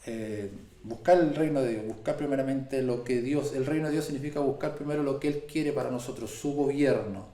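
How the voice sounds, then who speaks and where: A man, a pastor in an earnest Bible study conversation who slows down to stress scripture. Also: medium pitch, dark tone. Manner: earnest, slows and stresses key phrases when quoting scripture. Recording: echoey room.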